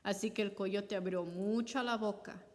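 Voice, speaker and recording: A woman reading a folktale aloud as a storyteller, measured, acting out the characters' voices. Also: mid-range voice, steady tone. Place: library. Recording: reverberant library hall.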